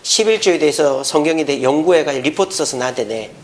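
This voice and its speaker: A man's voice: fairly high pitch, fast talker, pitched below the performer's own voice, lightly acted. A man preaching who briefly voices his former senior pastor, a stern older man scolding and threatening him.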